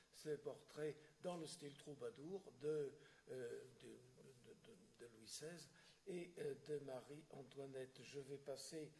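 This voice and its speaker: A man lecturing on history with a fairly high voice. He speaks haltingly, stopping for filler sounds and restarting phrases. Now and then he clears his throat. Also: a little mellow, a little hiss or hum. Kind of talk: public lecture with questions.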